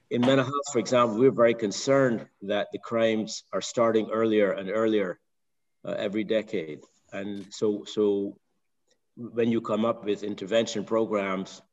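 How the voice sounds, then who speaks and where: Halting older Barbadian man, reverberant line. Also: fairly low pitch, highs cut off. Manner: halting, many restarts and repeated words. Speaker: caller. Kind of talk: call-in question. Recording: long reverb.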